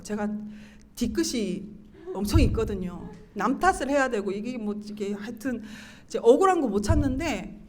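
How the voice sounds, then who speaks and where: High-pitched woman giving an emotional testimony. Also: a little hiss or hum. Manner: animated storytelling, acting out her own quoted lines, laughing and tearful at times. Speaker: church deaconess giving a testimony.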